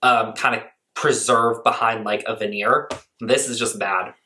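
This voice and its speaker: A man's voice: fairly low pitch, steady tone, measured pace, sharp tone. A man giving casual reaction commentary on a clip, blunt and sarcastic, mocking what he hears. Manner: talks with his mouth full.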